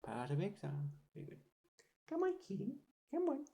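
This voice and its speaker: Her mid-range voice is gravelly and warm, brisk, with huge swings in pitch. The vlogger, in her forties, chats aimlessly at home from a swivel chair beside the sofa, talking to herself and babying her cat in a sing-song tone.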